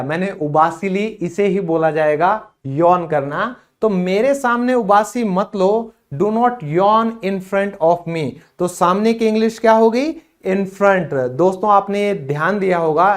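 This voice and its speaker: Treating his viewers as friends, a high-voiced man gives a casual, talkative English vocabulary lesson. Every example sentence comes out slow and deliberate.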